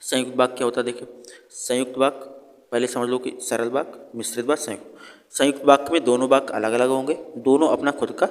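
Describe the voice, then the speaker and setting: A man's voice: mid-range voice, fairly even intonation, fast, in a large hall. A man teaching an exam revision lesson, asking questions and answering them himself. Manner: explains by asking and answering his own questions.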